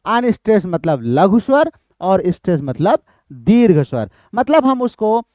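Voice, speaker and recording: A man's voice: high-pitched, sing-song, moderate pace, dark tone, no room sound, clean studio sound. A man teaching literature for exam prep, explaining step by step, repeating key terms and answering his own questions.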